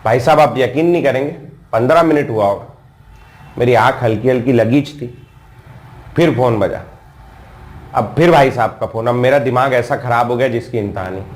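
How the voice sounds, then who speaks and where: A male chemistry tutor, speaking at a middle pitch. He tells a lively story in the middle of his lecture, and his voice leaps upward whenever he sounds exasperated. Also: moderate pace, long pauses. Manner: animated storyteller, voice jumps higher when exasperated.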